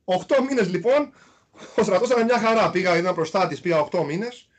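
A high-pitched Greek man, once a basketball player, is the guest in a casual interview where he tells stories about his past. His delivery is animated and peppered with repeated small fillers as he walks through where he's come from.

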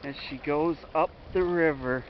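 Man, slow unhurried talk, friendly play-by-play, outdoors by a river, muffled camera sound. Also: a little high, slight background noise. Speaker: ship-watching vlogger. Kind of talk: casual narration while filming.

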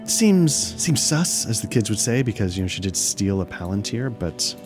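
A man with a low voice commentates on a video game he is playing. He is offhand and casual, with clear game music behind him. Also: fairly quick. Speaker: let's play host. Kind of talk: casual gameplay commentary, reading game text aloud.

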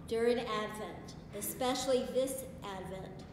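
A woman in her sixties preaching a sermon from a pulpit in a large stone church, in a slow, measured way with solemn pauses. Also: medium pitch. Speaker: pastor. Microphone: far camera. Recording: echoey church from far off, hiss.

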